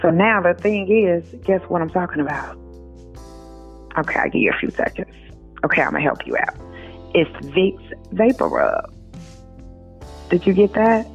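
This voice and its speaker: With long pauses and a measured pace, a woman author speaks informally as a guest, both reading aloud and talking in an interview. Her medium-pitched voice is expressive; the recording is dull lo-fi with music underneath.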